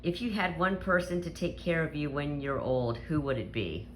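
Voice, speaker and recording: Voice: mid-range voice, moderate pace, a bit bright, a little hiss or hum. A student interviewer reading out questions plainly.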